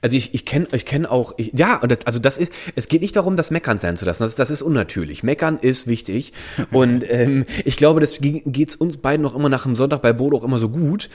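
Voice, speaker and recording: A man's voice: mid-range voice, expressive, fast, a little mellow. A man from Germany co-hosting a casual podcast chat, rambling with many restarts and frequent laughs. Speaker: podcast co-host.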